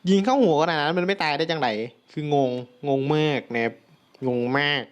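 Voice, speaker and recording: A young man giving casual gameplay commentary, excitable, breaking into loud exclamations and talking to viewers. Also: a little high, brisk, clean tone.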